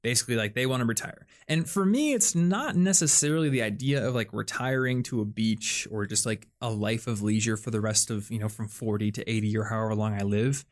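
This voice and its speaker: A man's voice: on the low side, a little fast, hardly any pauses. A young man hosting a podcast, talking casually and thinking aloud with lots of fillers and restarts. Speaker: podcast host. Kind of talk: casual chat.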